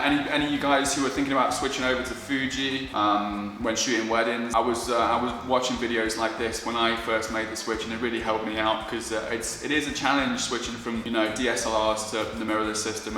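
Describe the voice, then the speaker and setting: The sound is drenched in echo and long reverb, as in a hard-walled indoor space. A man with a bright, forward voice chats informally as he presents his gear for a vlog. His manner is casual and self-deprecating. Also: mid-range voice, little pitch movement, brisk, few pauses, a little hiss or hum. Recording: very echoey, reverberant room, faint music.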